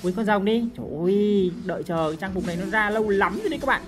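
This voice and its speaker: A woman commentating on her own gameplay, excitable and full of loud, repeated exclamations. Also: mid-range voice, fast talker. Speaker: game streamer. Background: game music and sound effects.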